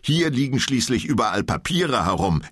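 A man's voice: medium pitch, big pitch swings, normal speed, a bit bright, no echo, voice pushed up. Man playing a curt, officious fire inspector. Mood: stern. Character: stiff male fire inspector in a suit.

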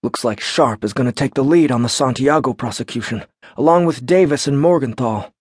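A joking courthouse security guard, as a male narrator plays him, full of teasing banter. The voice is lifted noticeably above the reader's own low tone, and the sound is dry and close. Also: a little fast, a little mellow, husky, no echo, lightly acted.

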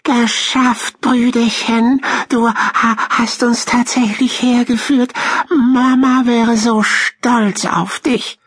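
A man voicing an excitable young male hamster in a children's audiobook, stammering in his excitement. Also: very high-pitched, slow, husky, pitched above the performer's own voice, full character voice. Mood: excited.

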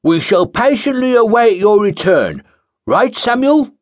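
A bombastic cult acolyte booms out fawning praise, high and pompous, as a man acts him out. His voice swoops around in a lively way, and the reading is dry and close to the mic. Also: a little slow, no echo. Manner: pompous, loud, oily flattery.

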